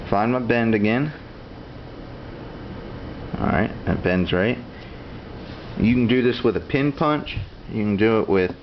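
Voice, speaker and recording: Male instructor, lowish voice, plainspoken casual tutorial delivery, dull recording with noticeable background noise. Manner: plainspoken, matter-of-fact. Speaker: instructor demonstrating duck call tuning.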